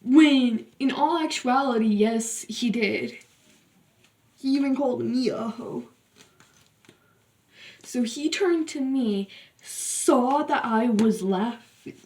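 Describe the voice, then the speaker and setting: A woman's voice: on the high side, slow pace, long pauses, darkish tone, reverberant, far from the mic. A young woman telling the story of her ex in a blunt, sassy storytime vlog, swearing freely. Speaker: vlogger. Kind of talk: storytime monologue.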